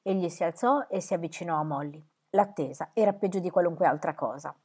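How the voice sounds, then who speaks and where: A woman narrating a classic novel as an audiobook. Her reading is expressive and dramatic, in a voice on the low side. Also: a little fast, slightly rough. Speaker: audiobook reader. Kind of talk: scripted narration.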